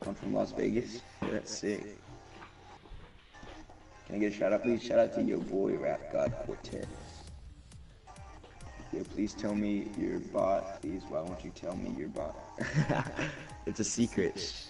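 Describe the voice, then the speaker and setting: A man's voice: fairly low pitch, unhurried, gravelly, long pauses. A young man streaming a game, reading viewers' chat aloud in hyped, slangy casual talk. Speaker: gaming streamer. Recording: distant mic under loud game music. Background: loud game music.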